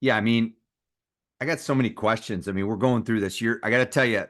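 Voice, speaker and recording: A man hosting a business interview show, asking questions in an energetic way with quick asides. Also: fairly low pitch. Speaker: podcast host.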